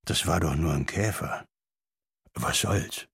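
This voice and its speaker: A man voicing an old, wise and patient male leopard in a children's audiobook, talking slowly and grumbling. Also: gravelly, fairly bright tone, husky, no room sound, studio quality, heavily acted. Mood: musing. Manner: slow, deep, grumbling. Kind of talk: audiobook reading.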